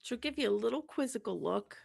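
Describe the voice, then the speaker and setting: Female GM, strongly gravelly voice, short measured replies. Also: fairly high pitch, lively intonation, darkish tone. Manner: brief, measured replies in character. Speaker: game master. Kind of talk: narrating a tabletop game.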